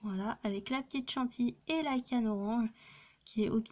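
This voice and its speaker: A woman's voice: a little high, moderate pace, a little mellow. A young teenage girl casually presenting her clay crafts, hesitant with many fillers and restarts, recorded on a phone. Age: young teen. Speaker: craft vlogger. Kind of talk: casual show-and-tell narration.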